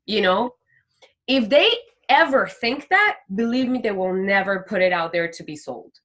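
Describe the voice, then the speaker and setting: A woman talking as an interview guest about her faith, animated and heartfelt, often acting out the voices she quotes. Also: medium pitch, moderate pace. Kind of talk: heartfelt faith testimony in conversation.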